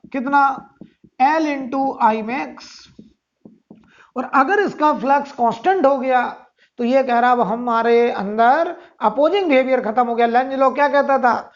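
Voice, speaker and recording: A man's voice: extremely high pitch, fairly bright tone. Male physics teacher, lecturing, answers his own questions and repeats phrases; muffled lo-fi recording. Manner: keeps asking and answering rhetorical questions, repeats key phrases. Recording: dull lo-fi sound.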